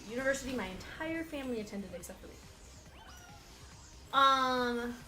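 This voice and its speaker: Bright, high-voiced woman gaming and teasing. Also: expressive, normal speed, soft background music, rough recording. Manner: playful, teasing, laughs often. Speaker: co-host playing a video game. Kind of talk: casual couple chat while gaming.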